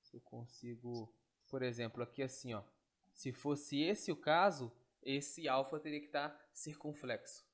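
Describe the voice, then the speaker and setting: A man's voice: medium pitch, fairly even intonation, a little slow. Guy teaching online, step by step, keeps checking u got it. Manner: patient, step-by-step, checks with tag questions. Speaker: Greek teacher. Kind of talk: online lesson explaining on screen.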